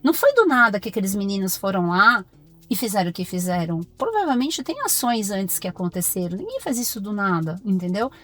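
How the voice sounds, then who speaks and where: A Brazilian woman, a pediatrician, talking as a podcast guest in firm, animated stories full of acted-out dialogue. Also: mid-range voice, fairly quick. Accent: Brazilian Portuguese. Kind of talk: podcast interview conversation.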